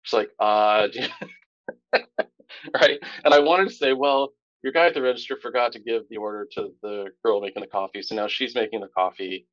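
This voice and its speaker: Casting: low-voiced male podcast co-host, animated storyteller, dull dry lo-fi recording. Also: normal speed, no room sound. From Tampa, Florida. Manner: animated storyteller, rising pitch when indignant. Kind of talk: casual storytelling chat.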